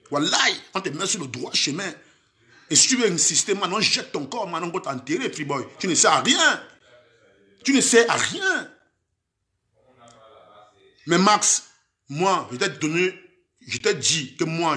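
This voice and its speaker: A man's voice: fairly high pitch, very animated, normal speed, pauses often, pushed and bright, reverberant. A man from Cameroon with a Cameroonian French accent, mixing in Camfranglais, delivering a heated, threatening rant for social media and repeating the same words.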